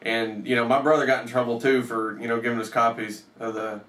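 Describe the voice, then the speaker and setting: This storyteller and host, a man in his thirties, casually shares a personal story, cursing and performing snippets of dialogue. His voice is medium-pitched, level, brisk, and a bit bright, with roomy echo since he's away from the mic.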